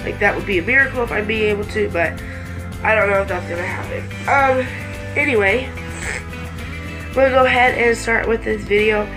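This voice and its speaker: An almost-18-year-old woman with congested sinuses vlogs from a small indoor bedroom, chatting to camera in a casual, rambling, hesitant way and getting easily distracted. Her mid-range voice is a little fast with long pauses, heard over music in a low-quality recording.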